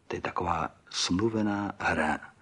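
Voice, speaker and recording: A man reading an audiobook, voicing a motherly middle-aged woman who gently talks someone round. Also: low voice, breathy edge. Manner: gentle, persuasive.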